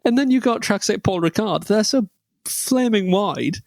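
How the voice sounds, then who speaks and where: High-voiced man rambling on a podcast. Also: expressive, moderate pace, vocal fry, a little mellow, no room sound. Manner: rambling, jokey, full of tangents and restarts. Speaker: podcast co-host. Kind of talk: casual chat.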